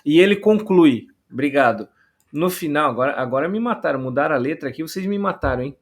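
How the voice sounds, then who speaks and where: Male podcast host, reads listener questions with wry asides, pitch a touch high. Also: animated, fast talker. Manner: reads comments aloud with joking asides. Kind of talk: casual theological podcast chat.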